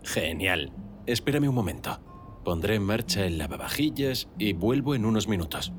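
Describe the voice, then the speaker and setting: A man with a Castilian Spanish accent playing a quiet, friendly café worker in an erotic audio drama, casual and gently flirtatious. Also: lowish voice, very animated, normal speed, faint music behind. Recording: noticeable background noise.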